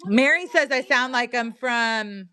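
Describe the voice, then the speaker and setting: A woman's voice: fairly high pitch, measured pace, pushed and bright. A middle-aged woman with a Missouri accent, casually telling a rambling story while selling items on a livestream. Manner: chatty, rambling, reads viewer comments aloud. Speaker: livestream seller.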